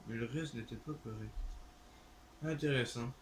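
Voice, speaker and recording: A man's voice: medium pitch, moderate pace, slight background noise. A man with a Québécois French accent, thinking aloud hesitantly with lots of fillers while commenting on a game he is playing. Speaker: gaming channel host. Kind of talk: let's play commentary.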